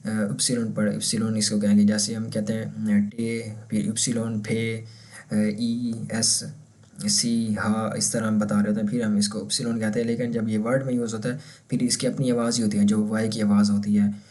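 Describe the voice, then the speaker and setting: A man's voice: lowish voice, level tone, darkish tone. Man teaching German pronunciation, Urdu-accented. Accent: Pakistani Urdu. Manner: patient, repeats words slowly to model pronunciation. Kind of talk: casual explanatory lesson.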